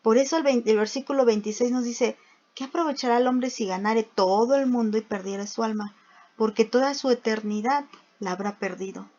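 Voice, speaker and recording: Una mujer que enseña la Biblia en un sermón, con preguntas retóricas y lectura de versículos. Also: female voice, a little high, dark tone. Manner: asks rhetorical questions, reads scripture aloud. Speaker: preacher. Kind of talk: bible teaching. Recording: dull lo-fi recording.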